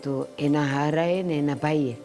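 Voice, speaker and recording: A woman's voice: sits low, steady tone, measured pace. An actress playing a protective elderly village mother, speaking bluntly with a Kathiawadi Gujarati accent. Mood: confiding. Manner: scolding, blunt. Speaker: actor. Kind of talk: village family drama acting. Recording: soft music under the voice.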